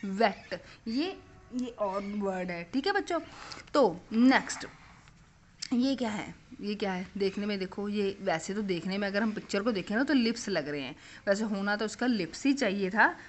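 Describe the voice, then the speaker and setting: A young woman leads a phonics lesson for small children, asking a question and then answering it herself in a patient call-and-response pattern. Her voice sits at an ordinary middle pitch. A faint hiss of background noise runs under the recording. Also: lively intonation, normal speed. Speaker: teacher.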